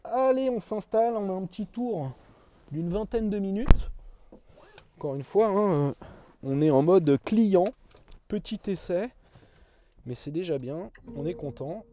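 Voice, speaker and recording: A man with a deeply dark, mellow voice talks viewers through a car in a relaxed, chatty review. He sits inside the vehicle, sometimes driving, explaining features as he goes. A faint hum of road and vehicle noise sits behind him. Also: measured pace, long pauses. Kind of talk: casual car review walkaround and test drive. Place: inside an electric car, parked then driving.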